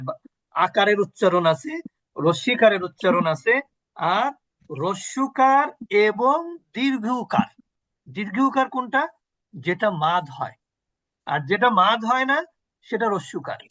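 A man's voice: sits high, expressive, moderate pace, long pauses, pushed and bright, no echo. A man teaching an online Quran recitation class on a video call, patiently quizzing his students and repeating sounds for them.

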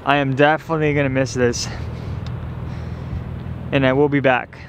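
A man's voice: medium pitch, flat delivery, moderate pace, background noise. A man chatting casually in a travel vlog, upbeat and teasing, outdoors on a beach. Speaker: vlogger.

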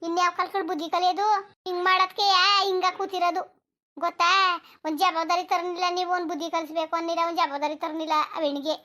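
A woman's voice: extremely high pitch, flat delivery, fast talker, pushed and bright. Woman voicing a scolding village mother. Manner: scolding, complaining at length. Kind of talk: cartoon voice acting.

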